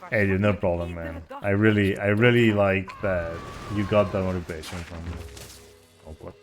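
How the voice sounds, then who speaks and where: A man's voice: deep voice, fairly even intonation, moderate pace, soft background music. A man giving casual, rambling commentary as he streams a speedrun. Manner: rambling and chatty, with frequent restarts and "like".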